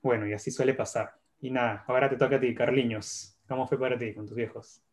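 A young man hosting a casual chat, relaxed and agreeable. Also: mid-range voice, fast talker.

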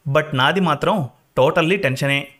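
A man's voice: medium pitch, normal speed, a bit bright, close to an everyday voice. A man voicing an anxious young woman waiting for a job interview, speaking nervously and pleadingly.

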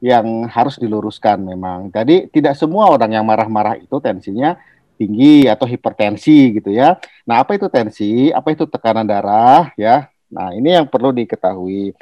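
A man's voice: lowish voice, lively intonation, normal speed, mellow, no echo, highs cut off. A middle-aged man, a medical specialist, explaining a health topic on a podcast with homely analogies and frequent hesitations. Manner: explanatory, uses everyday analogies and sound words; many hesitations and restarts. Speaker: guest doctor, internal medicine specialist.

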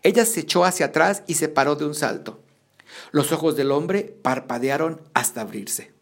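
A man narrating a novel aloud at a steady pace, restarting a line after each slip. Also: on the high side, moderate pace, creaky. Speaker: audiobook reader.

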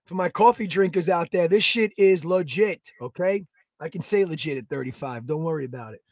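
A man, co-hosting a podcast in energetic, rambling casual chat. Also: a little high, a little fast, no room sound, clean studio sound. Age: 30s. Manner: energetic, rambling, plugs products. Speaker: podcast co-host.

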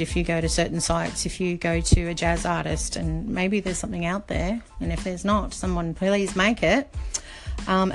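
A middle-aged woman from Australia hosting a casual podcast, chatty and rambling with many fillers. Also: on the low side. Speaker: podcast host.

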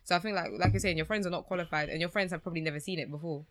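A woman's voice: fairly low pitch, very fast, crowd noise. A woman with a London accent in casual discussion, explaining her points and often checking she is understood.

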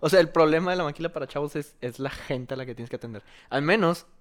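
A man's voice: on the high side, fast talker. A young man with a Mexican accent in casual chat, blunt and full of crude slang. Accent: Mexican Spanish.

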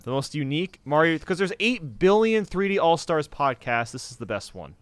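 A young man co-hosting a casual gaming podcast over a voice call, trading quick, excitable banter. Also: on the high side, no echo. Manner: excitable, quick banter, prone to shouting gags. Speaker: podcast co-host.

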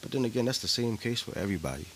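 A man's voice: medium pitch, lively intonation, racing, a little hiss or hum. A man co-hosting a podcast, talking candidly and from the heart, often repeating himself. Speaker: podcast co-host. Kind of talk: casual chat.

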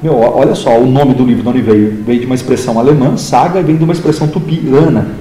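A man's voice: medium pitch, fast talker, slight background noise. A man in his fifties from the interior of São Paulo, a literature teacher telling stories in a casual interview and acting out dialogue. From interior of São Paulo state, Brazil. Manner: animated, acts out dialogue in other voices. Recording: roomy echoing room.

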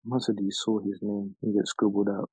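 A man's voice: fairly low pitch, level tone, normal speed, a little mellow, no room sound. A man chipping into casual banter, on a dull lo-fi recording. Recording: dull, lo-fi but dry sound.

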